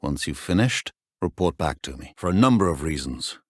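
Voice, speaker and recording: An actor playing a stern, dry British potions professor and former Auror in a video game, speaking in a measured, formal, admonishing way. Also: male voice, a bass voice, expressive, no room sound. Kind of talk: scripted video game dialogue.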